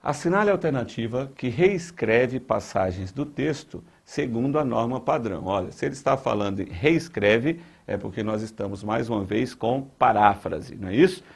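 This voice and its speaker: A man's voice: mid-range voice, expressive, normal speed, creaky, few pauses, breathy edge. A man with a Brazilian Portuguese accent teaching grammar for an exam, repeating key points with emphasis and talking straight to the viewer. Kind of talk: exam-prep lesson.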